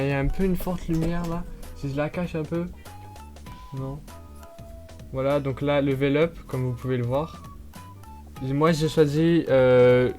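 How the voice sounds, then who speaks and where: A man's voice: a little high, dark tone. A man chatting casually while unboxing products, hesitating often with fillers and breaking into short laughs.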